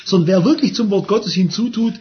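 A man's voice: sits high, a little fast. A man preaching a sermon, emphatic and repeating phrases for stress. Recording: dull lo-fi sermon recording.

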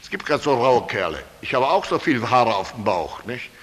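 A man's voice: medium pitch, big pitch swings, normal speed, fairly bright tone. A male preacher retelling a Bible story in a folksy, colloquial way, often tossing "nicht?" to his listeners. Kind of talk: sermon, Bible story retold. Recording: long hall reverb.

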